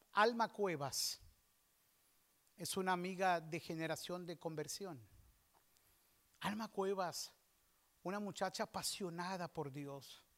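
A male pastor preaching a sermon, moving between soft asides and loud outbursts. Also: high-pitched.

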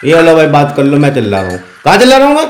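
A man in a scripted comedy phone skit, playing a rude caller who mocks and insults the other person loudly. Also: fairly high pitch, wildly swooping pitch, very fast, echoey room. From North India. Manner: abusive, loud, mocking. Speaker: rude prank call receiver.

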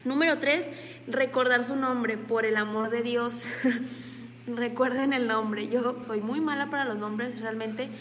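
Chatty Mexican woman, high voice, echoey room. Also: steady tone, takes it slowly, fairly bright tone, slight background noise. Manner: chatty, acts out little dialogues. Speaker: network marketing coach. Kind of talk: motivational talk to camera. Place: at home in pajamas.

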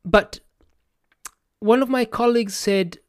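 A man with an Italian accent speaks in a high, slow, clear voice with a resonant tone, recorded in studio quality with no echo. He's a podcast host and language educator thinking aloud to camera in a casual, reflective monologue, hesitating often with plenty of fillers and restarts.

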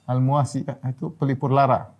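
A man preaching a sermon. He tells jokes and laughs, drawls Arabic phrases slowly, and pushes his voice high and loud when he urges his listeners. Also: level tone, husky. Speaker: Islamic preacher.

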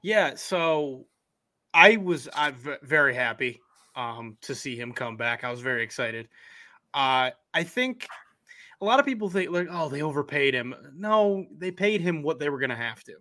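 Young man, podcast co-host, slightly high voice, relaxed, opinionated, quick bursts. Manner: easygoing, opinionated, talks in rushed bursts. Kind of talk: casual sports talk.

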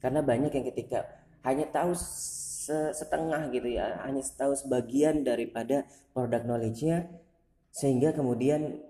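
Man talking casually in an echoey room. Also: mid-range voice. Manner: relaxed and rambling, many fillers. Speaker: channel host. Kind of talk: casual talk. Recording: echoey room with long reverb.

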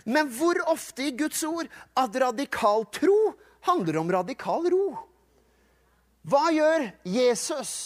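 A man preaching a sermon in a lively, humorous storytelling manner, acting out quotes along the way. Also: very high voice. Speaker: pastor.

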